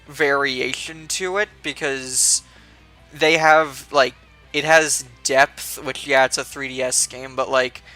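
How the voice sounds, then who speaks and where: A man's voice: medium pitch, pushed and bright. A young man casually commenting while streaming a video game, rambling with fillers and restarts.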